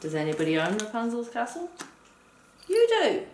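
A mid-range voice with wide pitch swings, normal speed, and a slightly mellow quality belongs to a woman teaching a partner a board game step by step. She counts aloud as they play on a table in an indoor room, recorded roomy and noisy from afar.

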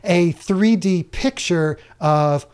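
A middle-aged man hosting a video interview, asking brisk, prompting questions from a close camera. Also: high-pitched, a little mellow, clean tone. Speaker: host. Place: studio, blue backdrop.

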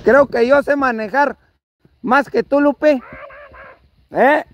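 Mexican guy, super high voice, slow drawl, exasperated scolding, keeps repeating himself. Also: fairly even intonation, highs cut off, slight background noise. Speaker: vlogger. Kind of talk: comic one-sided argument.

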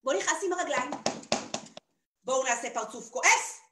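A woman's voice: high voice, lively intonation, noisy background. A woman performing for children, singing and talking playfully and coaxing the kids to join in. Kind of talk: sung and spoken children's show. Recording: echoey room with soft guitar. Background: guitar.

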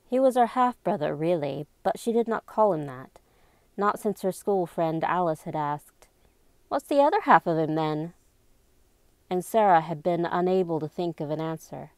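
A woman reading a novel aloud as an amateur narrator, voicing the dialogue by going higher and slower. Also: darkish tone, no echo. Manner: raises pitch and slows down for dialogue. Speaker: amateur audiobook reader.

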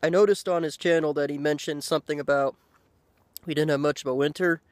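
A man in his thirties talks casually to a handheld camera outdoors. His voice sits a little high for a man, and he speaks in unhurried, halting phrases with pauses. The sound is dry, with no echo. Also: steady tone. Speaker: pipe-smoking video blogger. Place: outdoors by a lake in woods. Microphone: handheld camera at arm's length.

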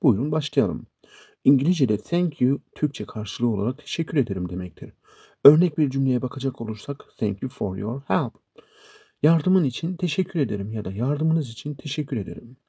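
A man hosting an online English lesson. He reads example phrases slowly and repeats each one with care. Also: medium pitch, lively intonation, mellow, slightly rough, dry recording. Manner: slow, deliberate, repeats example sentences. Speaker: English teacher, channel host.

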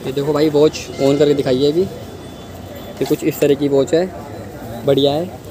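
Holding his phone at arm's length, a man in his twenties walks a crowded outdoor market and talks to his viewers, whom he calls guys and brother. He speaks a little high and a little slowly in a level tone, asking vendors' prices and repeating them. Background noise and a loud street crowd sit behind him.

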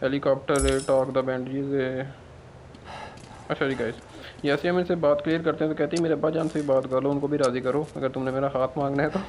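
Chatting with his audience over gameplay, a young man who hosts a gaming channel keeps things joking and excitable. He talks a bit quickly in a mid-range voice, with a slight hiss or hum in the background.

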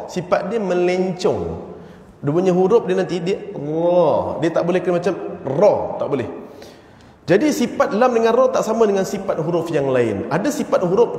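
A Malaysian Malay religious teacher lectures in a mosque hall, chatting with the audience and chanting short phrases to show them. His voice is fairly high for a man, but mellow, and his pace is unhurried. The sound is roomy, with a long echo from the hall.

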